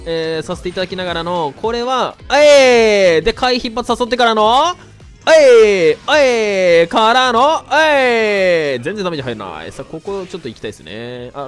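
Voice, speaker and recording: A man narrates his own gameplay in a high, bouncy voice that rises and dips all over. He sounds a little stuffed up and raspy from a cold, and he talks in a chatty, excitable way. Faint music plays in the background. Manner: chatty, excitable, breaks into shouts while playing. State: slightly nasal from a cold; hoarse. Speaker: gaming YouTuber. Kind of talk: live gameplay commentary.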